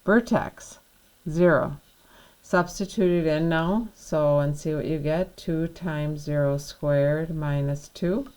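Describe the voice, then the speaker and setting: A woman teacher works through a lesson step by step, her voice low and unhurried. She talks patiently and checks in with the class as she goes. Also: a little mellow, smooth, poor audio. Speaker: math teacher.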